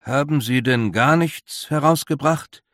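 A man's voice: medium pitch, measured pace, a bit bright, no echo, pitched above the performer's own voice, natural voice. A cautious older councilman, voiced by a male reader, who speaks in a dry, skeptical way. The sound is close and dry.

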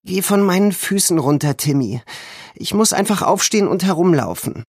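A man's voice: high voice, lively intonation, normal speed, slightly rough, no echo, studio quality, voice pushed up, full character voice. A man voicing a stubborn, tomboyish girl who is fierce and proud of what is hers. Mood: irritable. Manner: rising sharply to urgent shouting when alarmed.

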